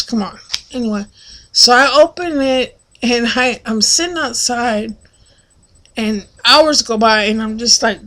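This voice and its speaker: A fairly high-voiced woman chats to her camera in a loose, rambling way. She piles on fillers and restarts as she goes. When she acts out other people's lines, her voice turns loud and high. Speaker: vlogger. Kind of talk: casual storytelling monologue.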